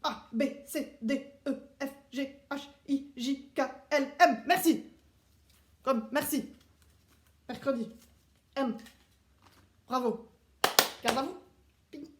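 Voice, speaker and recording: In a playful classroom role-play, a man acts as a stern male Swiss soldier filling in as the children's teacher. His extremely high, steady voice moves slowly with frequent pauses, barking clipped, precise drill commands in a roomy, echoing space.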